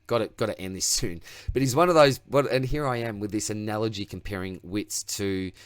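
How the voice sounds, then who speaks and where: An Australian man runs his own fantasy football channel, and here he reviews his team alone in a chatty, rambling, self-mocking way. His voice is low and clean, with no room sound, and it's starting to sound tired.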